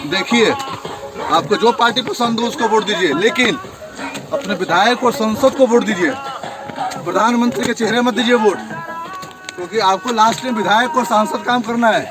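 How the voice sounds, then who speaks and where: A man from Bihar, chatting encouragingly as he hikes outdoors up a hill path, slightly out of breath. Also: high voice. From Bihar, India. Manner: chatty, encouraging, talks while hiking uphill. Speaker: trekking vlogger. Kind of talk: casual chat while trekking. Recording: music playing underneath.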